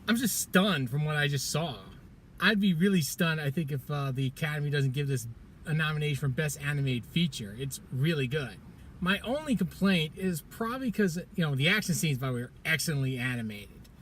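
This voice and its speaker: A man's voice: a little high, expressive, brisk, a bit bright, slight background noise. A man giving a casual film review in a parking garage, chatting loosely, laughing often and stumbling over his words. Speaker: movie reviewer.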